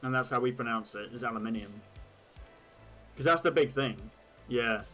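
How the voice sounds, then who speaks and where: A man's voice: mid-range voice, moderate pace, bright, forceful tone, soft background music, poor audio. An English man chatting casually on a live stream, rambling and swearing, laughing at his own jokes. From England.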